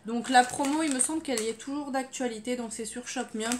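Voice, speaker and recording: A woman's voice: on the high side, fast talker, slight background noise. A woman chatting casually through her grocery haul, full of fillers and trailing off with "voilà". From France. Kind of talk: casual haul video chat.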